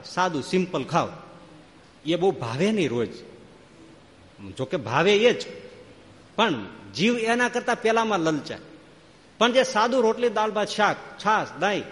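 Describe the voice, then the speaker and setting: A man's voice: on the high side, a bit bright, long reverb tail. A man giving a devotional sermon, telling stories and reeling off long spoken lists. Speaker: preacher.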